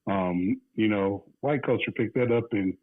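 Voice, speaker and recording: Speaking a little slowly in a lowish voice, a relaxed man with a Midwestern American accent chats casually as a guest. Fillers and chuckles come often, and the dry phone audio sounds tinny.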